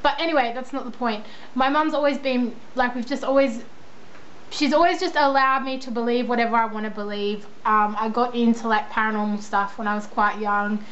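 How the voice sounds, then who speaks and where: High-voiced young Australian woman, rambling casually. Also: a little fast, a bit bright. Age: young adult. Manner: rambling, self-deprecating, informal. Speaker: vlogger answering viewer questions. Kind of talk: casual chat. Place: indoors at a computer. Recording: dull lo-fi sound, faint background noise.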